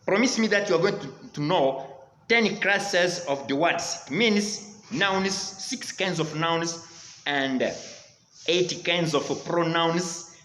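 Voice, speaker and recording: In a rough, reverberant recording, a Rwandan-accented man from Rwanda gives a motivational English lesson, exhorting his audience and repeating "dear friends" again and again. He speaks slowly, in a voice on the high side with a somewhat bright quality.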